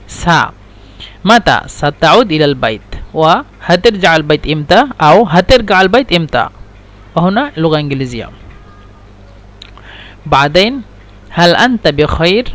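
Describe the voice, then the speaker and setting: Man, language teacher, high-pitched voice, slow repetitive delivery, hesitant explanations. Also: fairly bright tone. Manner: repeats each phrase several times, slow and deliberate; hesitant, with many fillers and restarts. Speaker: Arabic teacher.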